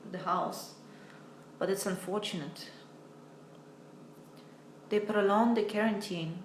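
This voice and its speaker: A young American woman teaches English on a relaxed livestream from home, speaking into a phone in a chatty, hesitant way and often laughing at herself. Her medium-pitched voice comes with roomy echo and a slight hiss or hum.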